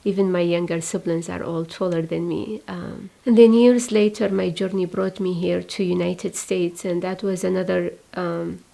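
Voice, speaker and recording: A woman in her forties from Iraq, a religious sister giving a hesitant, reflective testimony with many pauses. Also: fairly low pitch, flat delivery, vocal fry, rough recording. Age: 40s. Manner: soft-spoken, hesitant with many fillers. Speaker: religious sister, community founder.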